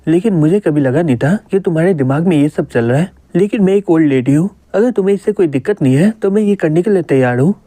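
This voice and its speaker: A man's voice: on the high side, lively intonation, quick pace, few pauses, dark tone, no room sound, close to an everyday voice. A man voicing a flirty female elf village head, coaxing and forward.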